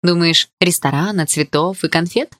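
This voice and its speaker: A woman reading the part of a teasing, cocky teenage boy in love, in a soft manner. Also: on the low side, normal speed, no echo, clean studio sound, lightly acted.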